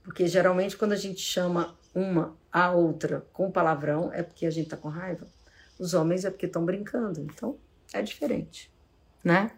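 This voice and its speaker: A middle-aged woman with a Brazilian accent, a psychologist answering audience questions in a casual live Q&A, calm and explanatory, acting out short examples of how to speak. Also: on the low side, moderate pace.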